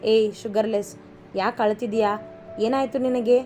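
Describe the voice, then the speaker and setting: A woman's voice: a little high, steady tone, a little mellow, faint music behind, close to an everyday voice. Woman voicing a tender, teasing young husband. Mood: consoling. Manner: coaxing, playful, quick.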